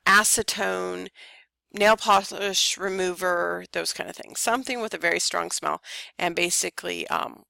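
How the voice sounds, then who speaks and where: Chatty tired woman lecturing, gravelly voice. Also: medium pitch, bright, forceful tone, no room sound. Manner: casual, chatty, many ums. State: tired, yawning. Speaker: teacher. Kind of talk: recorded lecture over slides.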